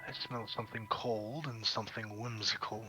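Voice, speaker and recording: A man's voice: fairly low pitch, flat delivery, normal speed, close to an everyday voice. A man playing a stately fire king. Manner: formal, gracious, quietly threatening. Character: stately male fire king, courtly and menacing. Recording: dull lo-fi audio with faint music.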